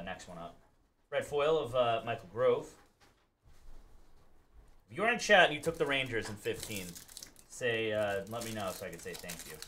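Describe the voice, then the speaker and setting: A man's voice: on the low side, pushed and bright, slight background noise. A man in his thirties hosting a live card break in a studio, reading out cards and thanking buyers by name.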